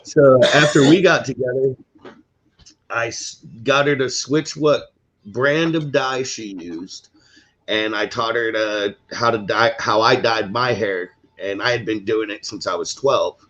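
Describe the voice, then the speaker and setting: A man's voice: mid-range voice, a little slow, fairly bright tone. A man in his forties, co-hosting a livestream, telling a long story in casual chat with many restarts. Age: 40s. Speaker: co-host of a livestream. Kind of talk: casual chat on a video call. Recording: dull lo-fi stream audio.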